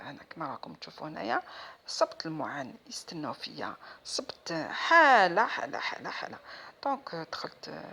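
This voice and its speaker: A woman with an Algerian Arabic accent talks fast in a casual home vlog, her pitch swinging widely. She sounds frustrated and complaining, and she moves back and forth between Arabic and French mid-sentence. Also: gravelly, a bit bright, husky. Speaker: home vlogger.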